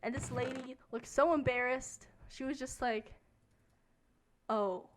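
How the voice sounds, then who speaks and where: A woman's voice: high-pitched, steady tone, moderate pace, soft background music. A young woman streamer telling a story casually while she plays a game, talking in a chatty way with lots of fillers.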